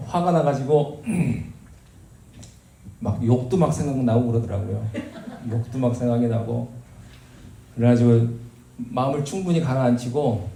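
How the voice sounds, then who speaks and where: A male pastor delivers a sermon in a relaxed, conversational storytelling style and often jokes at his own expense. His voice sits at an ordinary pitch for a man. The recording sounds roomy, like a church sanctuary, with a faint layer of background noise. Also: gravelly. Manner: conversational storytelling with self-deprecating humor.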